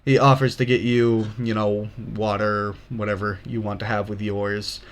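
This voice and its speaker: A man's voice: fairly low pitch, flat delivery, normal speed. A young man narrating as game master, hesitant and full of fillers. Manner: hesitant, many fillers, laughs often.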